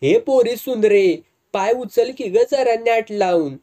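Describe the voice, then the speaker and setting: A narrator voicing a stern older village woman who shouts scolding words in rural dialect. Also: on the high side, expressive, a little slow, voice pushed up.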